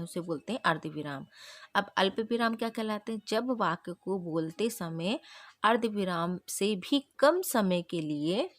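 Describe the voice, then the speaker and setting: A woman's voice: medium pitch, no room sound. A woman teaching a grammar revision lesson who keeps asking the class questions and answering them herself.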